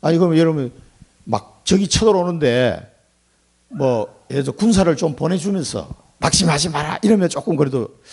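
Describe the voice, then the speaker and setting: A male pastor delivers a lively Sunday sermon. His voice sits fairly high and swings widely in pitch. It has a gravelly, husky grain as he acts out quoted lines and puts questions to the congregation. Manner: animated preaching, acting out quoted speech, asking the congregation questions.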